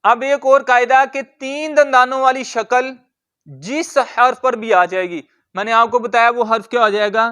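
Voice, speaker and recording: A man teaching Quran recitation, drilling words slowly and asking questions that he answers himself. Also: extremely high pitch, fairly even intonation, sharp tone, clear, resonant tone.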